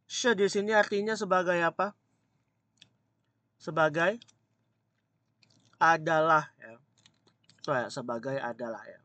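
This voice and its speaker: Slow-talking man teaching mandarin. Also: on the high side, bright, forceful tone, no echo. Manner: slow, drawn-out modelling of example sentences; chatty asides to students. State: itchy throat. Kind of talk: online grammar lesson.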